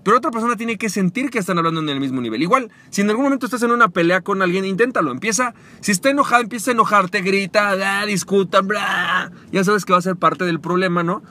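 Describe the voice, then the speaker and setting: A man hosting a podcast, coaching listeners on sales and acting out short dialogues in a calmer, lower voice. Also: fast, hardly any pauses. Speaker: podcast host. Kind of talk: motivational sales talk.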